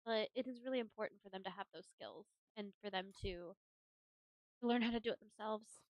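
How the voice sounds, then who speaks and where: A young woman streamer chatting casually, telling family stories in a lively, animated way and laughing often. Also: medium pitch, a little fast, dry recording, muffled recording. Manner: laughs often while talking. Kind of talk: casual chat.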